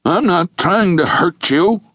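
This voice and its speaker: A man's voice: high-pitched, animated, slow, fairly bright tone, no echo, studio quality, pitched above the performer's own voice, full character voice. Man doing a pleading nervous middle-aged man. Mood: coaxing.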